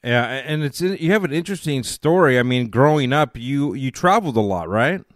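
A man's voice: mid-range voice, expressive, brisk, dry recording. Rambling male radio host, dry studio sound. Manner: rambling, full of fillers. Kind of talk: radio interview.

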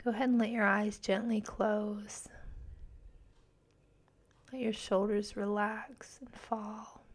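A woman leading a guided meditation in a soft, breathy near-whisper, speaking slowly and gently. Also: medium pitch, flat delivery. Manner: slow, gentle, hushed delivery. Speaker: podcast host and meditation guide.

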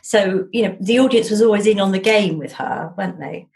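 A middle-aged Englishwoman with a brisk, medium-pitched, slightly mellow voice and some vocal fry is an interview guest. Her talk is casual and jolly, chatty and enthusiastic, piling on emphatic turns of phrase.

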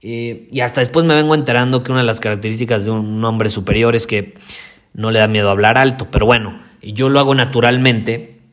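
A man with a Mexican accent hosting a podcast, talking loudly and intensely and repeating his key points for emphasis. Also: mid-range voice, steady tone, a little fast. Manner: loud, intense delivery. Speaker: podcast host. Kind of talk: motivational podcast monologue.

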